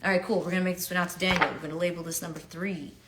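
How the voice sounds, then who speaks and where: Very fast and fairly even in intonation, a lowish-voiced New York woman in her thirties chats upbeat and casual with fans at a livestreamed autograph signing. She fills her speech with fillers and murmurs quietly while writing, all over heavy background noise.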